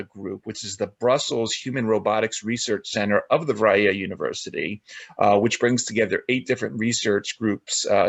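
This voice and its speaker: A man's voice: lowish voice, vocal fry, dry recording. A man hosting an interview podcast, introducing a guest with many filler uhs. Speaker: podcast host.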